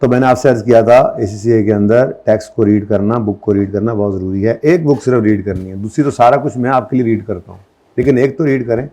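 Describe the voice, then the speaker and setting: This accountancy class is led by a middle-aged man whose fairly low, dark voice moves fast. He mixes English terms into his Urdu and rapidly fires questions at students to test them.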